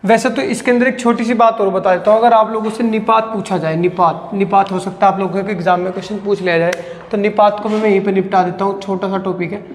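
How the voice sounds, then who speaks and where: A man with a high-pitched voice teaches exam-prep grammar in a lecture style. He asks his students questions, answers them himself, and drags out key words to drive them home. The recording rings with long room reverb. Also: steady tone, slight background noise. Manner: repeats key phrases slowly for emphasis, asks and answers own questions.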